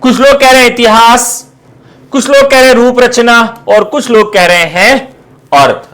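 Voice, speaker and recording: A man's voice: very high voice, moderate pace, fairly bright tone. A male teacher giving an online exam-prep lesson, asking questions and answering them himself, repeating key terms for emphasis. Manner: addresses students as companions.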